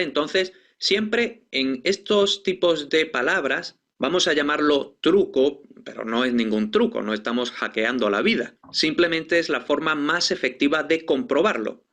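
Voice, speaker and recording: A man's voice: medium pitch, bright, forceful tone. A man from explaining grammar usage in a lesson, often checking in with the listener. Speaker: teacher.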